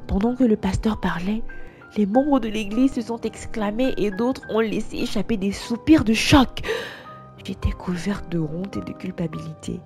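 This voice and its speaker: Woman, first-person story narration, earnest, mellow tone, faint background music. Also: medium pitch, normal speed.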